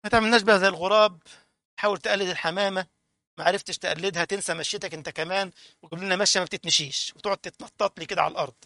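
A man with an Egyptian accent giving a lively, informal sermon and mocking people who imitate others. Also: sits high, very fast, vocal fry, no echo, studio quality. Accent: Egyptian Arabic. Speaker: preacher.

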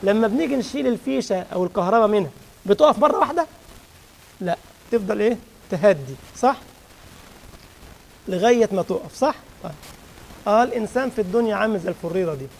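A man with an Egyptian Arabic accent teaches a religious lesson in a mosque. His voice sits high and carries a rough, gravelly edge. He keeps the lesson lively by asking his listeners questions. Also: fast talker, pauses often, low-quality recording.

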